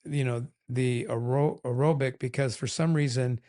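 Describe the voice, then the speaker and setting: A man's voice: medium pitch, steady tone, moderate pace, dark tone. An older man co-hosting a podcast with his wife, talking candidly and a little ramblingly, poking fun at himself. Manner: candid, rambling, self-deprecating. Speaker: podcast co-host. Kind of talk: casual chat.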